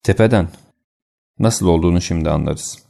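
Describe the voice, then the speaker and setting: A man voicing a sharp, decisive male detective who gives brisk commands in an audiobook. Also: low voice, gravelly.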